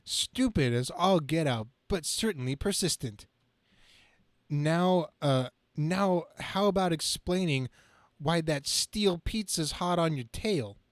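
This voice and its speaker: A man's voice: fairly high pitch, lively intonation, slow pace, dry recording, clean studio sound. A man reading the part of Spider-Man, a brash, quippy young superhero, in an amateur comic-book reading, stumbling over the script now and then. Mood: flippant, wisecracking.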